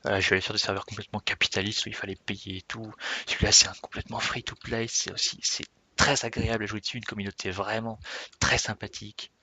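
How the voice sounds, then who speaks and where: Guy rambling off the cuff about his game server, kinda low and gravelly, dry close mic. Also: little pitch movement, quick pace, bright, forceful tone, no echo. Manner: rambling, self-correcting, laughs at himself. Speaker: Minecraft server player introducing himself. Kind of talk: unscripted casual vlog talk.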